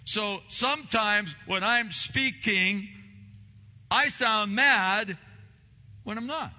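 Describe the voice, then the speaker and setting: In a church, a male pastor with a big voice preaches a sermon, swinging between low, slow stresses and loud, emphatic bursts. The sound is dull and carries the feel of a large room.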